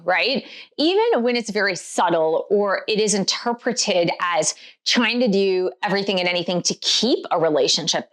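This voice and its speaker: Speaking to camera on her own author vlog, a middle-aged woman looks back candidly and thoughtfully on past relationships. Her voice is medium in pitch, slightly hoarse, and a touch bright.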